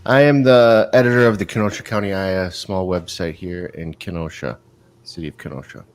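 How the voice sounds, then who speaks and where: A man's voice: sits low, fairly quick. A man who is a website editor, introducing himself in an easygoing, joking way. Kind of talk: casual panel chat.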